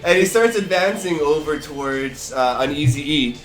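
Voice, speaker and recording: A man's voice: on the high side, lively intonation, moderate pace, a crowd in the background. Rambling young man running a tabletop game. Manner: rambling narration with many fillers and restarts. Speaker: dungeon master. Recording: echoey room with faint music.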